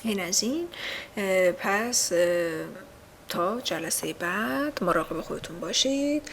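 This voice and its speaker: A woman in the middle of her range walks learners through a language lesson. She says each word slowly and repeats it for practice. A faint hiss of noise sits under her voice. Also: medium pitch, expressive, a bit bright. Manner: patient, repeats words slowly and drills learners. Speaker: language teacher.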